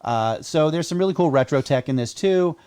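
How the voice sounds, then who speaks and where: A man's voice: on the high side, expressive, fairly quick, mellow, smooth. A man co-hosting a podcast in casual chat, joking around, with lots of fillers like "like" and "you know.". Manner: chatty, jokey, many fillers. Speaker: podcast co-host.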